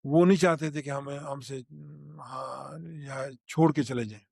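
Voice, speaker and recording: An older man from Pakistan, giving an eyewitness recollection in a halting way, with restarts and fillers. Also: medium pitch, fairly even intonation, gravelly, darkish tone, dry recording, studio quality. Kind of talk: spoken recollection.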